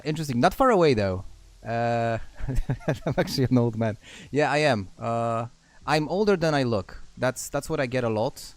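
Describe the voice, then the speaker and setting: A man's voice: medium pitch, no room sound. A man from Poland chatting casually with viewers while streaming a game, laughing often and trailing off mid-thought. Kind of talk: casual chat while gaming.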